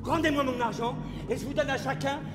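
An actor playing a panicky, miserly rich man in a live stage comedy, talking in a shrill, frantic way. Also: fairly even intonation, brisk. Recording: roomy theater stage with music.

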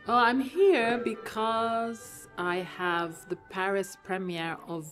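Speaking slowly in a medium-pitched voice, a young woman from Lebanon, a composer, guests on a podcast interview with faint music behind her. She's animated, laughs a lot and moves between languages. The setting is a room with Christmas trees, captured by a studio microphone on a boom arm.

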